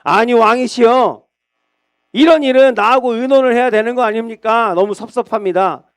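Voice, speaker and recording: A man's voice: very high-pitched, normal speed, clean tone, no echo, clean studio sound, voice pushed up. A man voicing Nathan, an old prophet who scolds and urges in a pressing, reproachful tone. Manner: urgent, reproachful.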